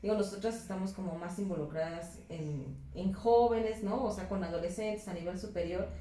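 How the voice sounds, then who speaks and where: A woman's voice: medium pitch, normal speed, dark tone, reverberant, low-quality recording. A woman teacher educator, interviewing a guest and asking reflective questions, often ending her phrases with tag questions.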